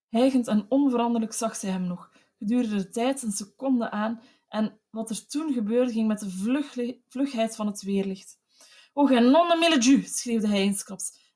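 A woman narrating an audiobook of classic literature in a steady, measured storytelling voice. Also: fairly high pitch.

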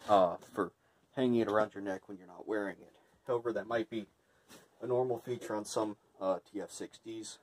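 A man's voice: fairly low pitch, darkish tone. A man giving a casual, unscripted hands-on product review, thinking aloud in a hesitant way. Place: indoor room with tiled floor.

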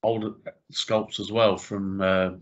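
Low-pitched male podcast host, halting and stumbling over his words; muffled audio. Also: flat delivery. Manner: hesitant, many fillers and repeated words. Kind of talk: casual chat.

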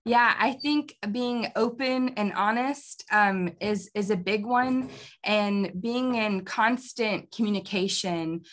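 Her voice mid-range and a bit bright, a young kids ministry pastor talks slowly as she answers interview questions from a small bookshelf-lined office, indoors. She's casual and upbeat, laughing frequently, and the sound comes through a video call webcam.

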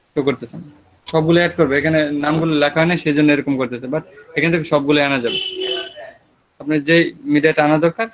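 A man with a Bangladeshi Bengali accent leads an online web design lesson from his computer mic. His voice sits a bit high and he talks fast, walking students through each step and asking if they follow. His throat sounds a little sore. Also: slight background noise, low-quality recording. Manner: casual, talks students through screen steps with checking questions. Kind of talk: online class lecture.

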